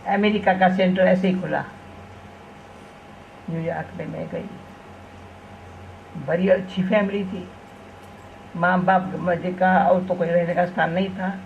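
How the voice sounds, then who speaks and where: A woman's voice: fairly low pitch, steady tone, a little slow, creaky, long pauses. An older woman, a spiritual teacher, speaks to a gathering in a storytelling manner, weaving small anecdotes into her teaching. The recording is muffled and lo-fi, with a faint hiss underneath. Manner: homely storytelling, tag questions with "na". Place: event gathering.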